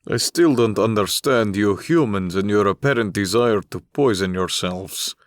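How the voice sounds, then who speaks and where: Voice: sits low, moderate pace, no echo, natural voice. An actor voicing a male spirit companion in an audiobook, wry and matter-of-fact, puzzled by human ways. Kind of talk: audiobook character reading. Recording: dry.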